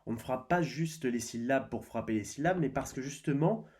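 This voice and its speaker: A man teaching a spelling lesson to young children, slow and deliberate, sounding out syllables and letters one by one. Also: medium pitch, expressive, a little mellow. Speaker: primary school teacher.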